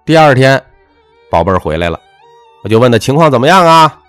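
A man giving a motivational monologue with a personal story, talking emphatically in a lecturing way and letting his phrases drop low at the end. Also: sing-song, fairly quick, fairly bright tone, smooth, no room sound, faint music behind. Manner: emphatic, lecturing, swings between punchy highs and dropped low endings. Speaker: self-help speaker.

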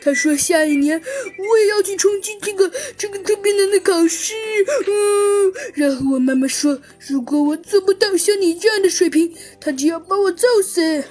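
A woman's voice: very high-pitched, moderate pace, few pauses, a little mellow, faint music behind. A woman doing a sly little storybook chick. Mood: pleading. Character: playful scheming little chick kid.

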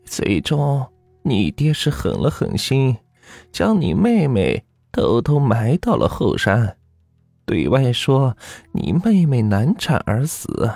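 A man voicing a stern, sorrowful old village grandmother, talking slowly and gravely in a husky voice. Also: medium pitch, wildly swooping pitch, a little mellow, no echo, soft background music, pitched above the performer's own voice, exaggerated voice. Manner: slow, heavy, grave speech.

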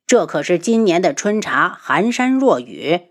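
Woman voicing a princely royal uncle, deep and unhurried, audiobook character, lively tone. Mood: admiring. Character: older male royal uncle, genial prince.

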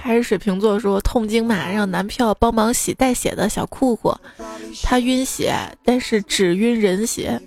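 A woman's voice: a little high, moderate pace, a little mellow. A woman host reading funny listener stories in a playful, teasing way, in her speech. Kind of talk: casual comic storytelling. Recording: background music under the voice.

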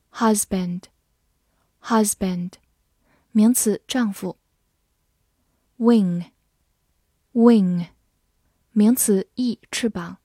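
A woman's voice: mid-range voice, mellow, dry recording, clean studio sound. A young woman teacher leading a vocabulary lesson, saying each English word twice before explaining it. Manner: reads words twice, slow and clear, then glosses.

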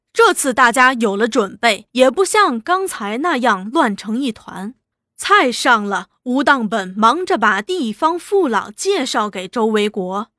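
Woman reading a novel out loud, fairly high voice that jumps around a lot, dry close sound. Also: dry recording. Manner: expressive, dramatic reading. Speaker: audiobook narrator. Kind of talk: storytelling narration of a novel.

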